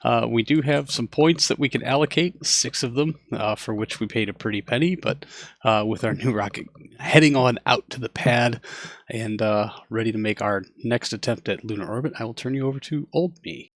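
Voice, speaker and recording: A man streaming a game, talking casually and reacting loudly when things go wrong. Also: medium pitch, normal speed, dry recording. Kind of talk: live game commentary.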